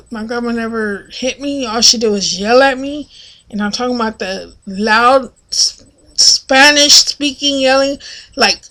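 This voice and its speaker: Chatty woman telling a rambling story. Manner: rambling, chatty, with many fillers and restarts; acts out other people's lines in a loud, high voice. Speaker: vlogger. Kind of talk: casual storytelling monologue.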